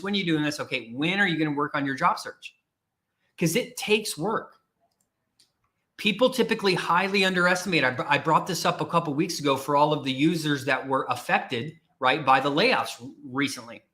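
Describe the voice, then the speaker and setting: His slightly high voice sounds pushed and bright. Hosting a career podcast as a coach, he delivers a motivational livestream talk, speaking emphatically and repetitively while challenging his listeners directly.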